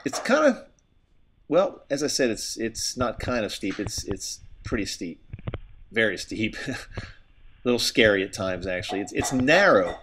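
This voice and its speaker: A man's voice: on the low side, big pitch swings, measured pace, fairly bright tone, a little hiss or hum. A middle-aged man, out of breath, giving stop-and-start commentary while skiing outdoors, recorded on a helmet camera. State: winded from exertion. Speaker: skier filming with a helmet camera. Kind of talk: casual narration while skiing. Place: outdoors on a steep ski slope. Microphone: helmet-mounted camera.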